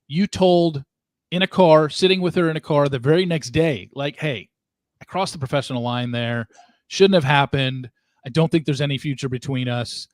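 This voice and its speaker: A man's voice: medium pitch, dry recording, studio quality. A man hosting a podcast interview, emphatically recapping events for his guest and voicing disbelief. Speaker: podcast host.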